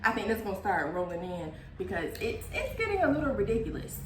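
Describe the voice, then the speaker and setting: A woman's voice: medium pitch, fast talker, background noise. Woman co-host, casual slangy recap talk, echoey room. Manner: animated, laughs often, slangy.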